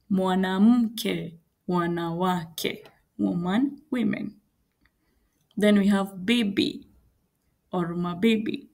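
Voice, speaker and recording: A woman leads a vocabulary lesson at an unhurried pace, repeating each word with care. Her voice carries a gravelly, creaky edge. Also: medium pitch. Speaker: Swahili teacher. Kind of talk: slow language lesson.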